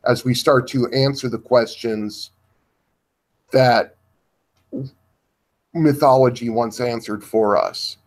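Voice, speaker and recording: A man talking slowly in a livestream discussion, pausing often and searching for his words as he builds his argument. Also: mid-range voice, fairly even intonation.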